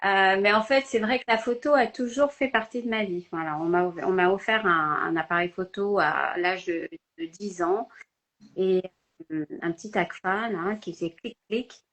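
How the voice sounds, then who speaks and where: A woman's voice: mid-range voice, moderate pace, a bit bright. An older woman from France, speaking hesitantly with many fillers as a guest in a casual live video-call interview. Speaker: guest photographer.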